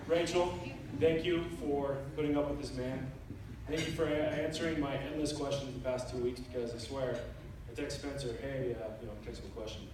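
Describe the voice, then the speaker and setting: A young man delivers a best man's wedding toast in a casual, halting, joking style. His voice rings around a big reverberant room and is caught from a distance, with plenty of background noise. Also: medium pitch, steady tone. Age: 20s. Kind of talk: wedding toast, informal speech. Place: large room at a wedding reception with guests. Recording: echoey noisy hall, picked up from far off.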